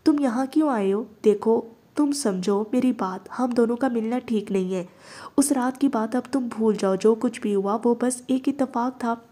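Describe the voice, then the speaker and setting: A woman reading the part of a proud, sharp-tongued young woman, speaking indignantly. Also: fairly high pitch, moderate pace, close to an everyday voice. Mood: cold scolding. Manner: indignant, scolding.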